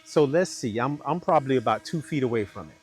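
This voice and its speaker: A man's voice: mid-range voice, animated, fast, husky, soft background music. A man reviewing gear and thinking aloud as he demonstrates it, his voice processed by noise cancellation that leaves reduction artifacts. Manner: talks easily while demonstrating, thinking aloud. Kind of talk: casual product test. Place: outdoors in a neighborhood.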